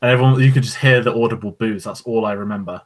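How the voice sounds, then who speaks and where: A man's voice: lowish voice, fast, crowd noise. A man co-hosting a podcast, chatting casually in a rambling, opinionated way. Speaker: podcast co-host. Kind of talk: casual chat. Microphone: podcast microphone.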